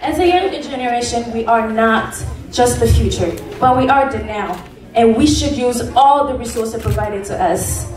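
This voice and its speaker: A woman's voice: on the high side, normal speed. A young woman from the DR Congo giving an earnest, rehearsed pageant speech. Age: young adult. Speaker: pageant contestant. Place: large indoor event hall. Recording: echoey hall from far off, crowd noise.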